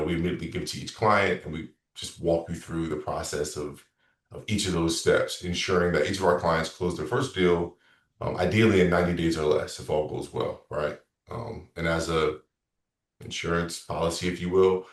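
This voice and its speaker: The sound is roomy and distant, carrying a low male voice. He's in his thirties, a real estate coach easing through a video-call sales consultation in a relaxed, slightly rambling way, fixing his own words as he speaks.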